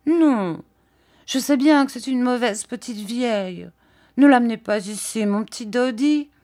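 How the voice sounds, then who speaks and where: A petulant, timid young woman, voiced by a woman reading a storybook rises high above the narration and pleads in a breathless, whiny way. Her lines swing between loud, pleading bursts and slower, drawn-out complaints. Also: big pitch swings, heavily acted.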